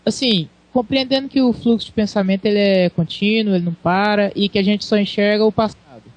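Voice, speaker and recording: A man's voice: sits high, brisk. A man from Goiânia with a Brazilian accent, a student carefully laying out his question to the lecturer. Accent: Brazilian Portuguese.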